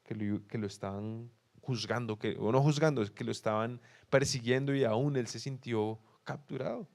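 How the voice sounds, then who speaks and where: A young man from Colombia, a pastor with a Bogotá accent, preaching in an animated way, asking the congregation questions and acting out quoted excuses. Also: mid-range voice, normal speed, vocal fry. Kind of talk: sermon.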